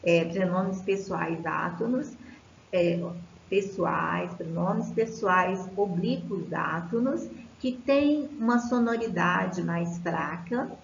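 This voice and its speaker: A Brazilian woman teaching a recorded lesson, explaining slowly with many fillers and restarts. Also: fairly low pitch, creaky, echoey room, dull audio, slight background noise. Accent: Brazilian Portuguese.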